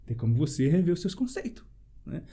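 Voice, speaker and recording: A pastor speaks in a high but mellow voice. He preaches with emphasis and keeps asking rhetorical questions. He lets out short laughs between phrases while he tells his testimony. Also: very animated, a little fast, husky. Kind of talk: preaching in a panel debate.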